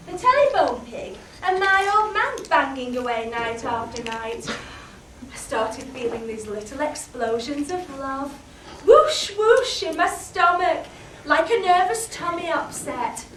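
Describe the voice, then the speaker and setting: A British woman playing a chatty, candid middle-aged housewife in a solo comic monologue, swinging from hushed asides to loud outbursts. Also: high voice. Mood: wry. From Britain. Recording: roomy, distant mic, faint background noise.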